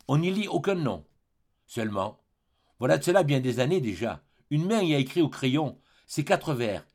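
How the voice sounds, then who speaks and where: Husky, expressive male audiobook narrator. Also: medium pitch. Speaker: audiobook reader. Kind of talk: scripted narration of a classic novel.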